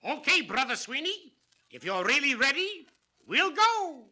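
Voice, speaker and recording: Sly fortune-telling swami, slow drawn-out magic-orb incantations, piercingly bright, theatrical, comic film. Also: male voice, very high-pitched, big pitch swings, full character voice. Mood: genial. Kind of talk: scripted comic monologue in a retail training film.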